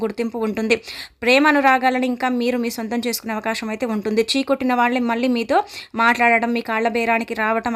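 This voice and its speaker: A woman astrologer giving a horoscope forecast in a steady, advice-giving way, with frequent verbal fillers. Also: a little high.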